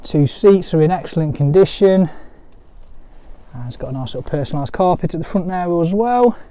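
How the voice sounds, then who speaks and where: A man's voice: a little high, animated, a little fast, mellow, no echo. A man presenting a dealer walk-around video of a camper van, with upbeat sales patter and repeated words, recorded on a handheld phone outdoors and inside the van. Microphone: phone camera held by the speaker.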